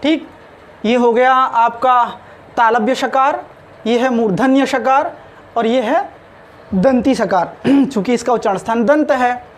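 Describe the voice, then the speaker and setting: A man's voice: very high-pitched, slow. A man teaching a spoken lesson on pronunciation, sounding out each letter carefully.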